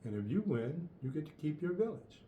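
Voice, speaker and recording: A man's voice: on the high side, sing-song, brisk, muffled recording, a little hiss or hum, pitched above the performer's own voice. Storybook warlord, cocky and demanding, a man doing the voice, roomy echo. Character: armored male warlord invader, cocky and demanding.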